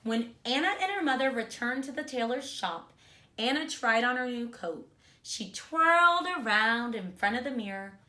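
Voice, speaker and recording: A woman reading a storybook aloud to young children in a kindergarten teacher voice, expressively and deliberately, explaining words simply as she goes. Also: fairly high pitch, expressive, sharp tone.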